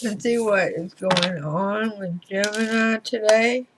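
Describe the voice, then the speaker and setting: A woman giving a tarot reading to viewers in deliberate short phrases, her speech slightly slurred as if from a swollen mouth. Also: medium pitch, noisy background. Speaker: tarot reader.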